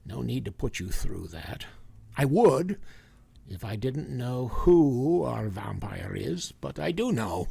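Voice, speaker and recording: A man's voice: mid-range voice, very animated, slow, vocal fry, dark tone, husky, dry recording, full character voice. A man playing a grave, commanding older professor and vampire hunter in a vintage-style radio drama. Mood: insistent, commanding. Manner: solemn, emphatic, authoritative.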